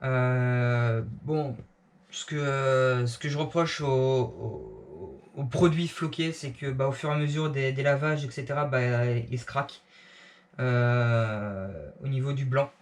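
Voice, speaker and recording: Guy doing a clothing review, slow, lots of euh and restarts. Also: mid-range voice. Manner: hesitant, many fillers and restarts. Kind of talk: casual product review.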